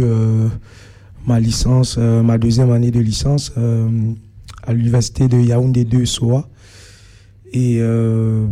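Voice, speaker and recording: A young adult man with a Cameroonian accent recounts his personal story as an interview guest. His voice is very soft-edged and dark, with little pitch movement. He speaks hesitantly, filling pauses as he searches for words.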